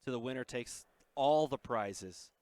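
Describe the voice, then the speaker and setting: A man doing play-by-play commentary on a card game tournament, calling plays in quick excited bursts from a booth headset. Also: medium pitch, dry recording.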